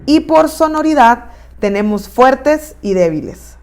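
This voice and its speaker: A woman with a Mexican accent narrates a recorded online class in a slightly high voice. She explains each term step by step and draws out the important words. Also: lively intonation, a little slow, a little mellow. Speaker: teacher.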